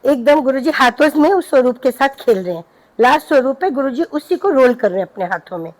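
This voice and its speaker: High-voiced middle-aged woman telling a devotional story. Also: fairly quick, poor audio. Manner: lively storyteller, acting out her own pleading. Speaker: devotee sharing a satsang.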